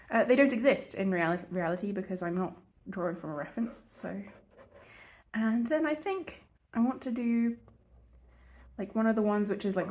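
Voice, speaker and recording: A woman's voice: mid-range voice, a little hiss or hum. Congested woman chatting through a drawing tutorial. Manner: chatty, rambling, self-mocking. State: congested from a cold. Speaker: art channel host. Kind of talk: casual drawing and painting tutorial.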